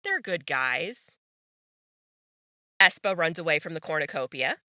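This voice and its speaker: A woman's voice: deep voice, sing-song, unhurried, sharp tone, no echo, clean studio sound. A woman hosting a solo podcast, reading out results and reacting with gasps and laughter. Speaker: podcast host.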